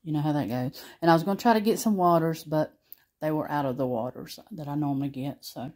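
A grocery haul vlogger talks fast in a low, darkish voice, casually showing her purchases at her home kitchen table while filming up close on her phone.

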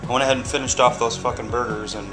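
A man's voice: mid-range voice, fairly even intonation, fast talker, music in the background, rough recording. A man in his thirties talking casually to a webcam while cooking in his home kitchen, rambling with lots of ums and swearing freely. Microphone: webcam camera mic.

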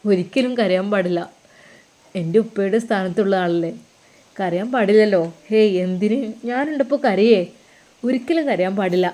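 Woman voicing a gentle consoling younger brother. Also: medium pitch, moderate pace, lightly acted. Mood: concerned. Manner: soothing, earnest, reassuring.

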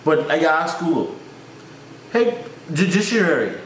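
A young man with a Trinidadian accent reacts to a video from a small room, his voice a little high and sing-song at a measured pace. He jokes, acts mock-frustrated, and talks back at the screen in casual reaction commentary. The room is echoey, with a faint hiss on the recording.

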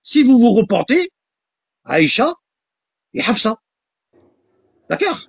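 Husky insistent voice, dull lo-fi sound. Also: medium pitch, big pitch swings, slow, dry recording. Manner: insistent, repeats "hein?" and "tu vois?"; emphatic, repeats lines for stress. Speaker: religious polemicist. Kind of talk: heated religious polemic talk.

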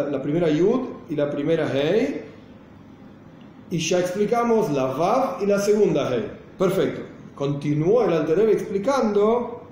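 High-voiced rabbi in an echoey room. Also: male voice, warm tone. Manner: explanatory, rhetorical questions, acts out an angry outburst. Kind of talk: Torah lesson. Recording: very echoey room, faint noise.

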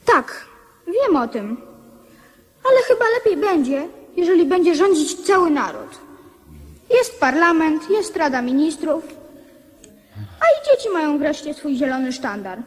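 A woman's voice: sits high, sing-song, measured pace, long pauses. An actress playing an earnest, resolute young boy king in a radio drama, with a solemn, declarative manner.

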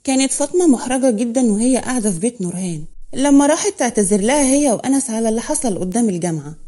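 A woman with an Egyptian accent narrating a romantic story in a steady, expressive manner. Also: fairly high pitch, very fast. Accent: Egyptian Arabic.

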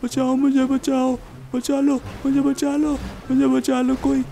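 A man's voice: medium pitch, little pitch movement, normal speed, lightly acted. A man voicing an arrogant, bragging male superhero in a game voiceover. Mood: panicked screaming. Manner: bragging, threatening, then screaming for help. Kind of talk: game voiceover role-play.

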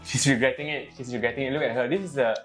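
A man's voice: mid-range voice, fairly even intonation, racing. A man with a Malaysian English accent hosting a casual food-tasting video, teasing his co-host and complaining dramatically about the spice. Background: faint background music.

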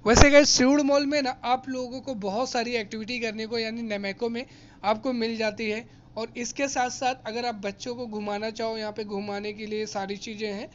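A man's voice: very high-pitched, fairly even intonation, normal speed, muffled recording. A man casually narrating a tour vlog through a large indoor shopping mall, chatting to viewers as guys and explaining prices and offers. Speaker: vlogger.

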